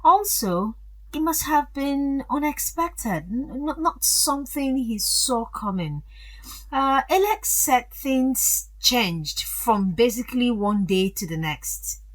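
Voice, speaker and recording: In an audio drama, an actress plays a wealthy, gracious older aunt who is chatty and confiding, speaking in a hesitant, deliberate way. Her female voice sits high and sounds animated, emphatic and fond. The audio quality is poor.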